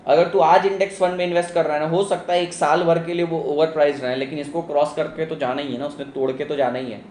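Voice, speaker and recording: A man delivers a casual economics lecture, slipping English terms into his explanations and calling students "beta". His voice sits a little high for a man. The room is roomy and echoey, with faint background ambience. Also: steady tone, fast talker, darkish tone, a little hiss or hum. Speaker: economics teacher. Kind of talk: live online exam-prep lecture.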